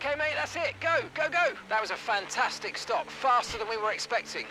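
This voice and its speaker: A race engineer making terse pit radio calls, his voice sitting high and swinging lively up and down. He keeps every instruction brief and clipped. Loud car engine noise roars behind him. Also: brisk, full character voice. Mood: urgent.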